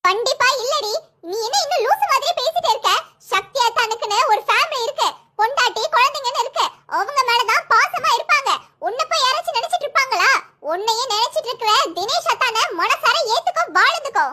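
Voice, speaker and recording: A performer voicing a caring young woman who gently coaxes her relative to accept her husband. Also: very high-pitched, lively intonation, brisk, heavily acted. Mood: pleading. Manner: coaxing and persuasive.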